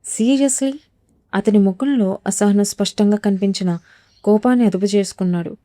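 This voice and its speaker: A woman narrating a scripted romance story in a measured storytelling manner. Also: medium pitch, warm tone, no echo, clean studio sound.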